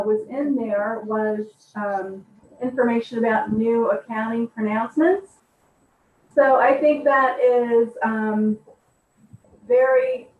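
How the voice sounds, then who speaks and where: A woman auditor giving a formal report at a public meeting, heard over a speakerphone from far away, explaining step by step with frequent ums. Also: on the high side. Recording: tinny, distant, echoey speakerphone line.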